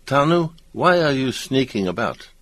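A man voicing a gruff old island grandfather in a storybook reading. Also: medium pitch, very animated, moderate pace, fairly bright tone, pitched above the performer's own voice.

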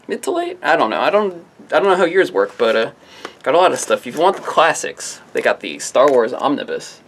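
A man's voice: mid-range voice, very animated, fairly quick, slight background noise. A man from a comic shop casually running through new comics to camera, rambling and offhand, with jokey self-mocking asides. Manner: rambling, offhand, often trailing into "I don't know". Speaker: comic shop staff presenting new releases. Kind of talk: casual product rundown to camera.

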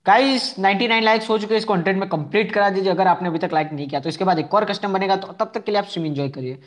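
Hosting a laid-back live game stream, this young man speaks at a rapid clip in a high-pitched voice. Chatty by nature, he works through viewers' messages one by one, says things more than once, and asks people to hit like.

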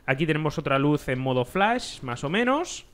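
A man, casually walking viewers through a park-building game with relaxed explanations, fillers and restarts. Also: fairly high pitch, normal speed. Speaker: gameplay commentator. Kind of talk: casual gameplay walkthrough.

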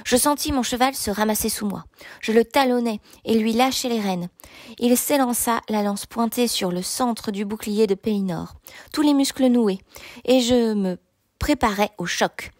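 Woman reading a story aloud, kinda high voice, steady and measured, dry close sound. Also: no echo. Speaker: narrator. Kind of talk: audiobook reading of a novel.

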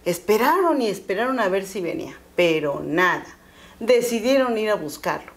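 A woman storyteller narrating a folktale in a lively, expressive way. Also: mid-range voice, normal speed. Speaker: storyteller guest.

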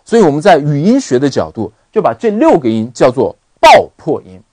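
Male online English tutor, animated delivery with a dry, close mic. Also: fairly high pitch, a little fast, no room sound. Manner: animated, repeats words for drill. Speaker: English teacher. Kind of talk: online lesson.

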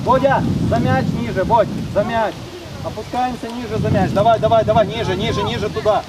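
A man's high-pitched, fairly even voice comes a little fast from a distant mic as he coaches young footballers during a game. Standing on the touchline outdoors, he barks urgent, clipped instructions over and over and shouts players' names. Wind noise leaves the audio loud and rough.

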